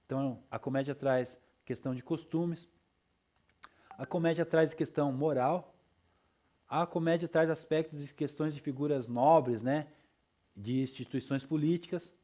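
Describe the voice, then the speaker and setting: A man's voice: a little high, steady tone, measured pace, dark tone. A male teacher lecturing his class in a loose, chatty way, with frequent tag questions and checks for understanding.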